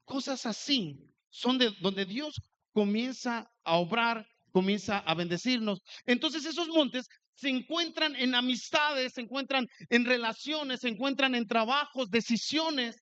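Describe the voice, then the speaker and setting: A man preaching a sermon, telling a personal story with animated delivery and acting out the dialogue. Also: very high-pitched, measured pace, clean tone, muffled recording.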